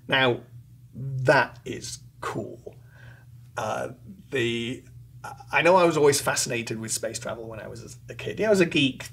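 A middle-aged British man from England, answering interview questions in a thoughtful, measured way with fillers. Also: medium pitch, a little hiss or hum. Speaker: interview guest, loudspeaker designer. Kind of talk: relaxed conversational interview.

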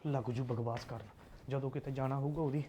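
A man playing a fast-talking resentful husband. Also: medium pitch, fairly even intonation, dark tone, close to an everyday voice. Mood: scornful. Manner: resentful, argumentative. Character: hot-tempered young husband, defensive toward his mother. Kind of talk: film drama dialogue.

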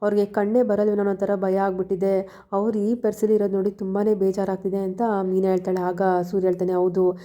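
A woman's voice: mid-range voice, monotone, quick pace, warm tone. A woman with a Kannada accent retelling a TV serial episode, reading the characters' lines plainly. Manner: plain storytelling, reads characters' lines without acting them. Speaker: serial recap narrator.

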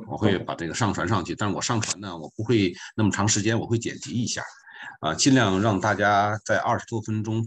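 A man's voice: sits low, a little hiss or hum. A man teaching a beginner French class online as a volunteer, patiently repeating his points with chatty asides.

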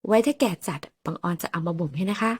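A chatty, polite young housemaid from an audiobook, voiced by a woman narrator. She fusses in a friendly way, with a husky tone in a dry, close sound. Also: on the low side, very animated, fast talker, no echo, voice pushed down.

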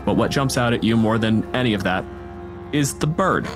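Running a tabletop RPG, a male game master narrates dramatically and descriptively in a medium-pitched voice. His intonation is lively and his pace moderate, with a music bed underneath.

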